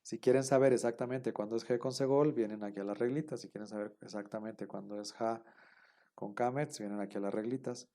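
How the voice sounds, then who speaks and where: A man's voice: on the low side, fairly even intonation, a little fast, mellow. A man teaching an online class, explaining patiently step by step and often checking that students follow.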